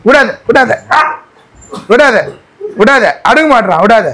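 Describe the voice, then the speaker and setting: A man in a comedy skit, teasing and scolding with quick repeated commands. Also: very high voice, animated, pushed and bright, slight background noise. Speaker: comedy video creator.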